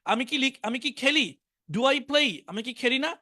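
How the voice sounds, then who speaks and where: A woman teaching a spoken English class, saying each word slowly and repeating it for learners. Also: high voice, expressive, sharp tone. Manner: drills words slowly, repeating each one.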